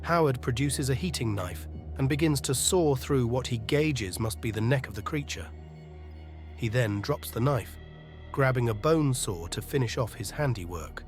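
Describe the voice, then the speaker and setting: Reading scripted narration for an audio drama at a normal speed, this man uses lively intonation in his mid-pitched voice. His delivery is literary and atmospheric, with soft music in the background.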